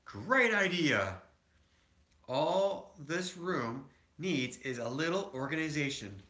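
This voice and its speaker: A reasonable, emphatic papa bear from a storybook, as a man reads him aloud. He explains slowly in a bright voice that rings in an echoey room. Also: a little high, lively intonation, full character voice. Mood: inspired, encouraging. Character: stern but reasonable father bear, handy problem solver.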